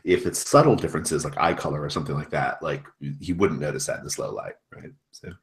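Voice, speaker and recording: A man acting as game master, casually discussing the game in a halting, questioning way. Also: rumbling low.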